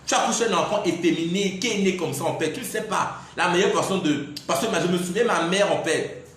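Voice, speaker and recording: High-voiced man, very echoey. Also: fairly quick, a bit bright. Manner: defiant, repeatedly saying "I'm sorry" and "in fact". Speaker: livestreamer. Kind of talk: impassioned live-stream monologue. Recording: very echoey room, faint background noise.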